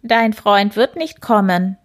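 Woman voicing a crow, croaking, knowing, matter-of-fact, storybook figure. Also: medium pitch, lively intonation, takes it slowly, pitched above the performer's own voice.

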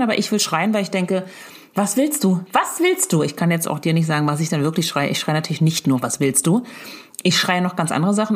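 Rambling chatty woman leaving a voice message. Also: fairly low pitch. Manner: rambling, tags lines with "ne?". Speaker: mother telling a story.

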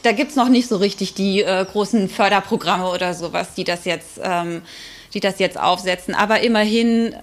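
With a medium-pitched voice, a woman offers casual expert answers during an interview, thinking things through and frequently pausing in hesitation.

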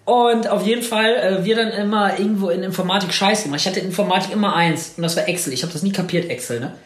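A man's voice: high-pitched, fast. A man in casual chat, telling rambling, slangy anecdotes and acting out the dialogue. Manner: slangy, rambling storyteller who acts out dialogue. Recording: roomy echo.

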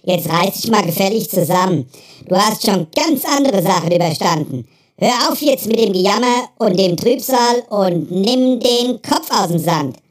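A man voicing a small, sharp and spirited inner voice that scolds him into getting back up. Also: lively intonation, moderate pace. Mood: scolding. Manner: scolding, high, bossy. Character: small, sharp, feisty inner voice, a pushy motivator.

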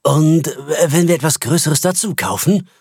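A proud, self-satisfied bank finance chief, voiced by a man, eager to please and a little sheepish. His husky voice leaps about in pitch. The sound is close and dry, with no room around it. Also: very animated, measured pace, no echo, heavily acted.

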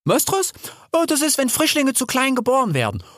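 A man's voice: very high voice, wildly swooping pitch, brisk, a bit bright, dry recording, clean studio sound, pitched above the performer's own voice, full character voice. Man doing a chatty young wild sow, Hel. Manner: chatty, teasing. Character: young female wild sow, lively and teasing.

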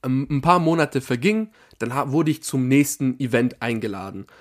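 A young man telling an anecdote casually to his viewers, animated and often restarting his sentences. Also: mid-range voice, moderate pace. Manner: lively, animated storytelling, often breaking off to restart. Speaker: vlogger telling a story. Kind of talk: casual storytelling to camera.

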